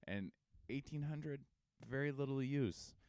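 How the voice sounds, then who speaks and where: A man chats casually as a comedic podcast co-host. He rambles and halts as he jokes, with a medium-pitched voice in a dry, close recording. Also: darkish tone, smooth, dry recording. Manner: rambling, halting, joking.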